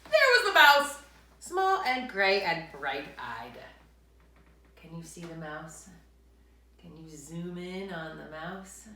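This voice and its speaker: A woman with a mid-range voice reads a story aloud to children, full of dramatic emphasis, stretched-out words, and whispered asides to her young audience. The room is echoey, with a little background noise.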